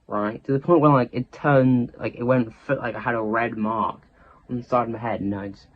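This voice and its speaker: A man's voice: medium pitch, steady tone, normal speed, phone-quality sound, slight background noise. A teenage boy, telling a rambling storytime story in casual chat and often cutting himself off. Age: teens. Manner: rambling, self-interrupting, chatty.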